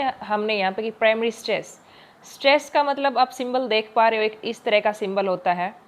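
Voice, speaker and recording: A woman teacher with a voice on the high side gives an exam-focused lesson, explaining patiently, mixing in English terms and slowly stretching out each example word.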